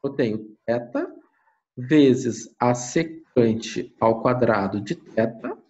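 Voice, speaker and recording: A man's voice: mid-range voice, lively intonation, slow, a little mellow, muffled recording. A male math teacher with a Brazilian Portuguese accent, lecturing step by step, asking his own questions and answering them, with frequent tag questions. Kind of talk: lecture walking through a calculation.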